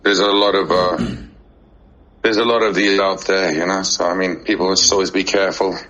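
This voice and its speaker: Guy hosting an online chat, voice a bit strained n cracky, bright sound, kinda low. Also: moderate pace, muffled recording. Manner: relaxed, rambling with restarts. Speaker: host. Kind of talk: casual online audio chat.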